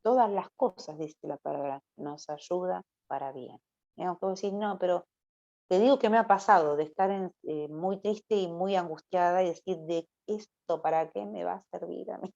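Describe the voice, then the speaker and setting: A woman's voice: on the low side, moderate pace, creaky, dark tone. A woman preaching to a church youth group in a conversational way, often closing her phrases with a questioning "no?". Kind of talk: informal Bible teaching sermon. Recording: dull lo-fi recording.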